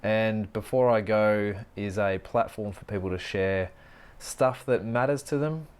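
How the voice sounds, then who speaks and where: A middle-aged man hosting a solo podcast, musing earnestly on personal growth, often pausing to restart his thoughts. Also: lowish voice, darkish tone, clear, resonant tone. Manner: earnest, musing, with frequent restarts and slow stretches. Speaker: podcast host and life coach. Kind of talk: reflective solo podcast monologue.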